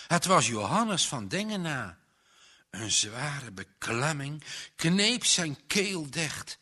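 A man reading a children's story aloud, slow and dramatic, with tense pauses. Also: mid-range voice, pushed and bright. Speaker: narrator. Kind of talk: storybook narration.

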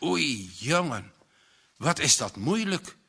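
A man playing an eager, sincere young man in a storybook, his voice pitched a little higher than the narration. His tone is bright and lively, and he asks his questions slowly. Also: vocal fry, slightly rough, heavily acted. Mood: earnest. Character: searching, sincere young man, easily stirred.

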